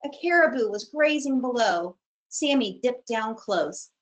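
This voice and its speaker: A woman reading a children's picture book aloud for a storytime, with a lively, expressive delivery. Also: a little high, measured pace, low-quality recording. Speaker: storytime reader.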